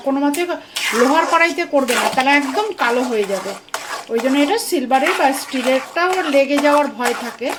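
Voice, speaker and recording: A woman with an East Bengali Bangal accent talks viewers through a recipe in a chatty, homely way, her voice sitting a little high. Loud clatter of pots, cutlery and stirring runs under her words in the kitchen. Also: very noisy. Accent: Bangal East Bengali dialect. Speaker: cooking vlogger. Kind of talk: casual cooking demonstration. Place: home kitchen.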